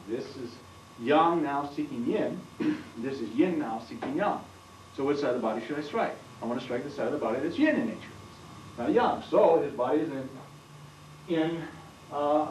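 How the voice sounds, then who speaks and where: Guy teaching a kempo seminar, kinda high voice, roomy old camcorder sound from across the hall. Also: a little mellow, slight background noise. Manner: explains while demonstrating on a partner, frequent rhetorical questions. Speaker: martial arts instructor. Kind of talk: seminar demonstration. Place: training hall. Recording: roomy 1990s camcorder audio from far off.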